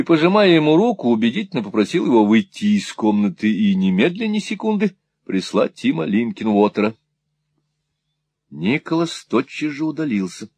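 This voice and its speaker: Male audiobook narrator, very lively pitch, dry close sound. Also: dry recording. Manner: animated, rising and falling with the story. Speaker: audiobook reader.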